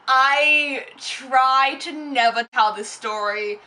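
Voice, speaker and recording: A woman's voice: sits high, pushed and bright. A young woman telling a rambling story-time vlog, full of fillers and restarts. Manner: rambling, filler-heavy, self-interrupting. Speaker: vlogger.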